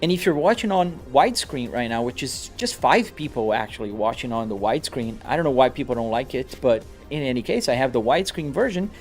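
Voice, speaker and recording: A Brazilian man whose accent mixes Brazilian Portuguese and American English streams live from his home sim rig, casually answering viewer comments on the spot and often restarting. His medium-pitched voice is expressive and a little fast with few pauses, and faint music plays behind.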